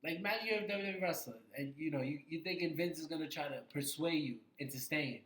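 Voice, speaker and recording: Animated man talking wrestling in an echoey room. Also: on the high side, fast talker. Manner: animated, repeats himself for emphasis. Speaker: podcast co-host. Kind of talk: casual wrestling talk.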